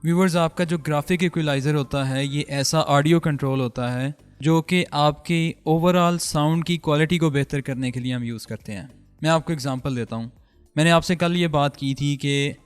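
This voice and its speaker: A man's voice: fairly high pitch, smooth, in a large hall. A man hosting an audio tutorial, explaining step by step in a patient way while he adjusts a mixer, talking through a studio microphone.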